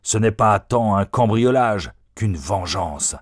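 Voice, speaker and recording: A man's voice: on the low side, expressive, slow, dry recording, studio quality. A man voicing a menacing, vengeful male outlaw who speaks sternly and threateningly.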